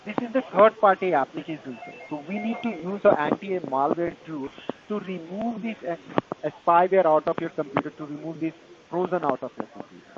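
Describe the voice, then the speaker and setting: A man with an Indian accent giving a tech support pitch in a call-center manner, halting and repetitive in non-native phrasing. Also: noisy background. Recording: dull lo-fi phone call, busy chatter behind.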